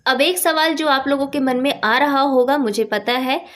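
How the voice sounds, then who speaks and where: A woman's voice: high-pitched, fairly even intonation, moderate pace, fairly bright tone. A woman teaching English grammar in a patient, explanatory lesson, repeating her points and stressing the helping verbs.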